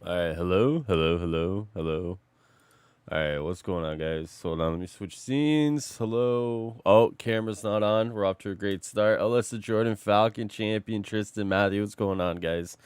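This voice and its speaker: A man's voice: fairly low pitch, normal speed, a little mellow, smooth, dry recording. Sick-sounding man streaming a game. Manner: loose and chatty, greeting and answering chat while playing. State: sick, slightly rough voice. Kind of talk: casual live-stream chat.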